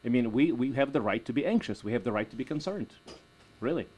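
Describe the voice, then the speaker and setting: A man co-hosting a call-in talk radio show, speaking in a halting, folksy way with many restarts. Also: medium pitch, animated, darkish tone, breathy edge. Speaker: radio co-host.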